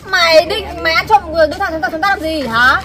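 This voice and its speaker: A woman in a staged street skit, accusing someone and demanding answers, recorded from a distance over loud music and a crowd. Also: very high voice, fast talker. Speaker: wife of the vlogger.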